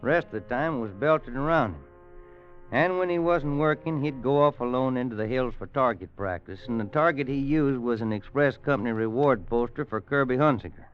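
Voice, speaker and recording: With a natural, mid-range voice at normal speed, an actor portrays a weary, worried man of the West recounting something grim. It's 1950s radio drama acting, folksy and grave, with a haunted mood. Music sits in a muffled old recording.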